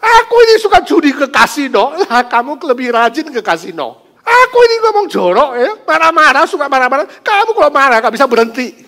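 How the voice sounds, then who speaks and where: A man's voice: mid-range voice, steady tone, moderate pace, a bit bright, breathy edge, long reverb tail. A man voicing an exasperated, hard-drinking middle-aged husband who mockingly complains.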